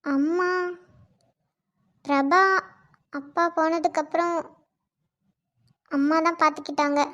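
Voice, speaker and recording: A young best friend in a cartoon, voiced by a woman, chatty and quick with retorts in a high voice. The audio is dull and lo-fi. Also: fairly even intonation, fairly bright tone. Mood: telling. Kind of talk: Tamil cartoon voice acting.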